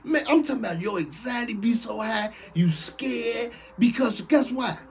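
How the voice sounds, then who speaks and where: A man's voice: very high voice, normal speed. Slangy man telling prison stories. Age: late 30s. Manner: animated, slangy, repeats lines for emphasis. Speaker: former prisoner telling his story. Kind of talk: casual storytelling to camera.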